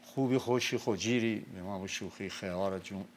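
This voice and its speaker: An older man from Mazandaran, telling and explaining old epic tales in a relaxed talk. He recites lines of verse slowly and loudly, then goes back to plain speech. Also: lowish voice, a little hiss or hum. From Mazandaran, Iran. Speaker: storyteller discussing the Shahnameh. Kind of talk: casual lecture-style talk.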